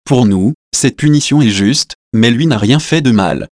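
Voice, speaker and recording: A man's voice: medium pitch, animated, measured pace, a little mellow, no room sound, studio quality, natural voice. A man reading the words of a repentant male criminal on a cross, earnest and pleading, in a solemn scripture reading.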